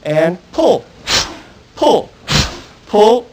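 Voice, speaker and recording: A man with a high voice runs a self-defense class. He coaches each move plainly and step by step, then breaks into loud, commanding drill shouts. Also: sing-song, very slow, slight background noise, poor audio. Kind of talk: live class instruction. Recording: archive 1990s instructional video.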